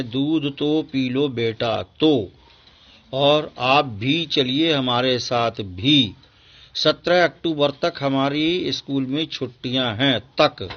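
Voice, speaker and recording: A man's voice: medium pitch, dull audio. A male school teacher giving a patient grammar lesson to children, repeating each example sentence and explaining it step by step.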